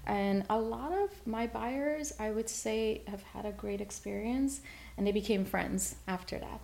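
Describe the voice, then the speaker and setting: A woman from Guyana, a real estate agent, talking as a guest in an interview with energetic, quick restarts. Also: on the high side, vocal fry, a little hiss or hum.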